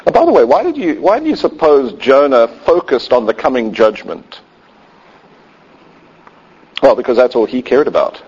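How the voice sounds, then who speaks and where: A man's voice: medium pitch, big pitch swings, normal speed, pauses often, a little mellow, breathy edge. A man preaching a sermon in a conversational way with wry asides. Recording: dull lo-fi sound.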